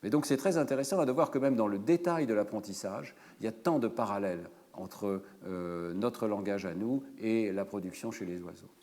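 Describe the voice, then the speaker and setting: A man's voice: fairly low pitch, normal speed, few pauses, a little mellow. Man lecturing in a reverberant hall. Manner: explanatory, fluent, with frequent fillers. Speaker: professor. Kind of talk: university lecture.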